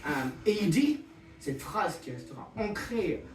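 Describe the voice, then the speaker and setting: A man's voice: high-pitched, very animated, unhurried. A male stand-up comedian at an open-mic improv night, telling a rambling, self-interrupting story and often laughing at his own lines. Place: small comedy venue stage. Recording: roomy, distant, audience noise. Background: audience.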